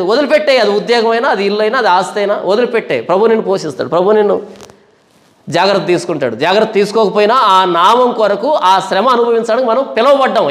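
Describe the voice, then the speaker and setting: High-voiced fiery male preacher, echoey room. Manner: emphatic, fiery, full of rhetorical questions. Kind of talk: sermon.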